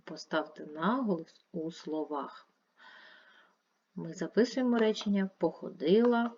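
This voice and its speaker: Lower-voiced teacher, husky and lo-fi. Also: female voice, a little mellow. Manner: clear, drawn-out stressing of syllables. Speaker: primary school teacher. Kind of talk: video lesson for children.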